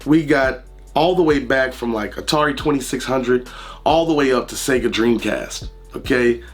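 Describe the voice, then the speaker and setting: A man in his thirties with a raspy, slightly hoarse voice, casually reviewing a product to camera and repeating phrases for emphasis. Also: medium pitch, moderate pace. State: under the weather, slightly hoarse. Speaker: YouTube reviewer and host. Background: music.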